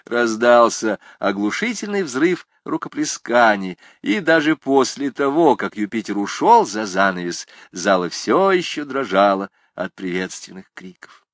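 Guy reading a classic novel aloud, really lively up-and-down voice, dry close mic. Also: medium pitch, unhurried, no echo. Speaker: audiobook narrator. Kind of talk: expressive literary narration.

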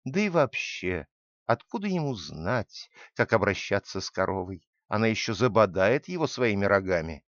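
A man's voice: fairly low pitch, sing-song, normal speed, no echo, voice pushed down. A man playing a cunning male thief. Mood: sly. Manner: pleading then shouting for help. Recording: dull lo-fi dry recording.

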